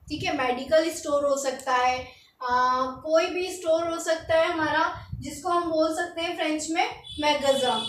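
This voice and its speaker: A woman teaching a language lesson, patiently repeating each word slowly. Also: high-pitched, fairly bright tone, slight background noise. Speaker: French teacher. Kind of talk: explaining lesson. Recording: echoey room, mic far off.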